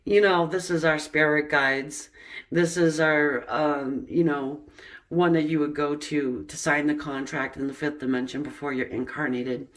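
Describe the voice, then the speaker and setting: A woman's voice: low voice, fairly even intonation, a little slow. A woman giving a pick-a-card tarot reading in a chatty way, with many fillers and laughing at the cards. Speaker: tarot reader.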